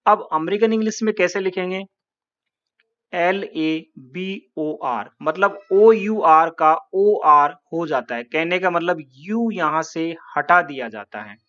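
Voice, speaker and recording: Indian guy teaching english spelling, real slow and patient, reads out each letter, kinda dull lo-fi sound. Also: high-pitched, pushed and bright. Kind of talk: classroom lesson.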